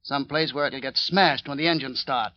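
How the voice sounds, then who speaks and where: In this dull old radio recording, a male actor at medium pitch and normal speed, lightly acted, plays a cold, bullying gangster henchman in a 1940s radio drama. His clipped tough-guy threats carry a menacing mood.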